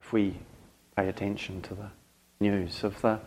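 A man speaking as a Dharma teacher to a group, earnest and reflective, in short halting phrases with thoughtful pauses. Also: lowish voice, flat delivery, a little mellow, poor audio. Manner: grave, earnest. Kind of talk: reflective spoken talk to a group.

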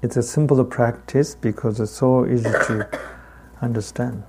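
A man with a heavy Tibetan accent, a native Tibetan speaker, giving a Buddhist dharma talk as a teacher in halting, deliberate phrases with long pauses. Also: mid-range voice, steady tone, darkish tone, slight background noise.

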